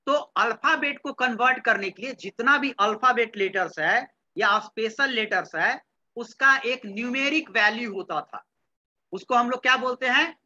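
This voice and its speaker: Speaking in Hindi with English terms mixed in, a computer science teacher from Bihar lectures at a moderate pace, quizzing his students and repeating their answers. His voice is very high-pitched, bright, and forward, and the recording is dull and lo-fi.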